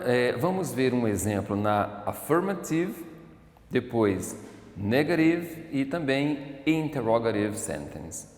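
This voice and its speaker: Slow Brazilian teacher in an echoey room. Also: male voice, medium pitch, darkish tone. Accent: Brazilian Portuguese. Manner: slow, deliberate explaining, drawing out example sentences. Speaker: English teacher. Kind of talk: recorded online lesson. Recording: roomy echo with long reverb.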